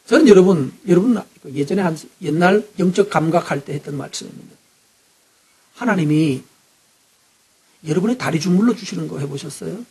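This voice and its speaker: Husky high-voiced male pastor preaching. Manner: asks the congregation frequent rhetorical questions; animated, swinging between loud emphasis and hushed asides. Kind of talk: sermon.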